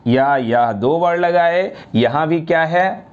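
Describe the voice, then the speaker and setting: A man teaches grammar to a class, talking straight to the students and spelling out each word form at a very slow, deliberate pace. He repeats the endings over and over so they stick. The recording sounds a little dull and lo-fi. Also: a little high, clear, resonant tone. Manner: slow, drawn-out recitation of word forms.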